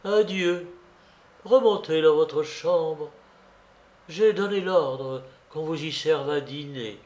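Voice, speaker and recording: A man voicing a frail, elderly bishop who speaks gently, haltingly and sorrowfully in a storybook reading. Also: a little high, muffled recording. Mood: tender. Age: older. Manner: soft, halting, pleading. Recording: roomy, echoey recording.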